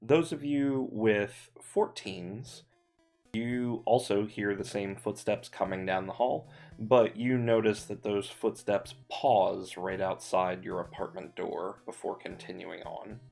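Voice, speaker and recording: A man narrating as game master of a tabletop role-playing game, relaxed and laughing now and then. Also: lowish voice, slow pace, vocal fry, soft background music.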